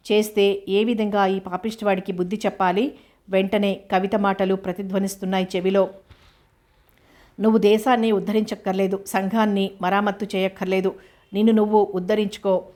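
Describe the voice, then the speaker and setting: A woman narrating a novel in a steady, measured reading voice. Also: medium pitch.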